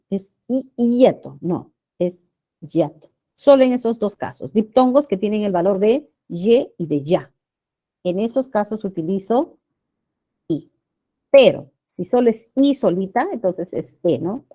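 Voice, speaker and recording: Slow, mellow-voiced woman teaching grammar. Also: medium pitch. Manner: addresses students as "jóvenes", checks in with "¿no?" and "¿ya?"; slow, deliberate explaining with stressed key words. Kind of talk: classroom grammar lesson.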